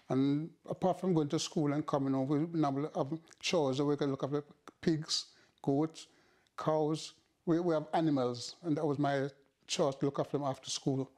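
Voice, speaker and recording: A man's voice: fairly high pitch, darkish tone. A man in his seventies recalls his country childhood in plain, direct words during an interview, seated in a living room. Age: 70s. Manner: plain-spoken, with a light laugh. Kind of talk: casual interview recollection. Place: bright living room with bookshelves. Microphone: seated on a sofa, filmed from the front.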